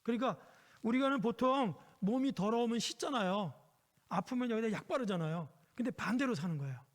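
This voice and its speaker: A man with a notably high voice preaches to children, telling a Bible story in a gentle, storytelling way and often pausing to ask his listeners questions. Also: lively intonation. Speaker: pastor. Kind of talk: children's sermon.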